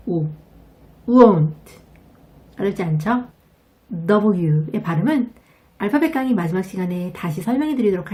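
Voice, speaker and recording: A woman with a Korean accent giving a scripted English pronunciation lesson, explaining patiently and clearly. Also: medium pitch, dark tone. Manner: clear, patient, demonstrates words slowly.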